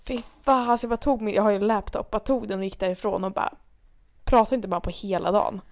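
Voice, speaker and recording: A young woman telling a story in casual chat, animated and swearing, acting out quotes. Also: medium pitch. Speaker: podcast co-host.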